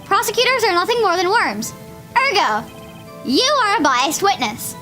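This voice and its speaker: A woman's voice: very high voice, sing-song, normal speed, sharp tone, soft background music, pitched above the performer's own voice, full character voice. A woman reading aloud as an earnest young male defense attorney, formal and pressing. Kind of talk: reading game dialogue aloud.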